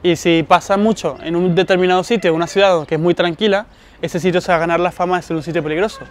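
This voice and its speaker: A man in his twenties who boxes, speaking relaxed and conversational in an outdoor documentary interview. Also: high voice, quick pace. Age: 20s. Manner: relaxed, conversational, casual asides. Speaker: young boxer. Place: outdoors by a mural. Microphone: lapel mic.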